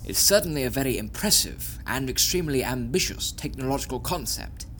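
An actor playing an urbane, sceptical male scientific adviser in an audio drama, with a wry, deliberate, theatrical delivery. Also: medium pitch, animated, fairly bright tone, a little hiss or hum, natural voice. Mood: thoughtful, sceptical.

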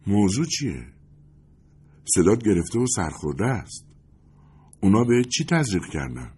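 A man with a husky voice voicing an anxious male agent who presses with worried questions on the phone. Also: lowish voice, very animated, warm tone.

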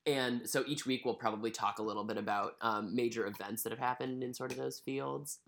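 A man's voice: mid-range voice, steady tone, brisk, vocal fry, a bit bright, a little hiss or hum. A young American man co-hosting a casual podcast from a living room, talking in a loose, wry, informal way. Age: young adult. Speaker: podcast co-host.

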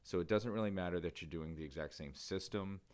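A man's voice: low-pitched, brisk, darkish tone. A man co-hosting an education podcast, chatting casually and rambling a little, often restarting his sentences. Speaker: podcast co-host.

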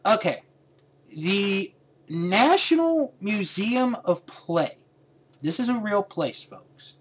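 A man co-hosts a podcast in relaxed, casual talk. He hesitates and restarts often, and his pitch moves up and down a lot. A faint hiss sits behind his voice. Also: takes it slowly. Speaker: podcast co-host. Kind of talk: casual chat.

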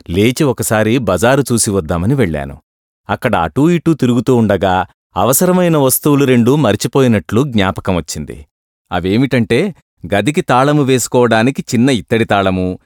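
A man reads a first-person tale aloud, his voice rising and falling with animation. The recording is dry with no room sound. His delivery is expressive and steady. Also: mid-range voice, dry recording. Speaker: narrator. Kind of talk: storybook reading.

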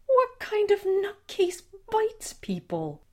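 A woman voicing a furious older father who shouts and demands answers in a raised, strained voice. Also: extremely high pitch, huge pitch swings, slow pace, pitched above the performer's own voice, exaggerated voice. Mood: angry.

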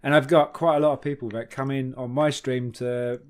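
A man hosting a casual podcast chat, telling rambling, animated stories with frequent swearing and restarts. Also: mid-range voice, fairly quick. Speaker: podcast host.

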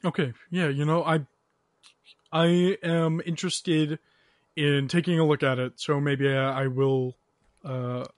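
A man's voice: fairly high pitch, steady tone, a little slow, no echo, studio quality. A man co-hosting a casual gaming podcast, chipping in with teasing, wry remarks. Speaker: podcast co-host.

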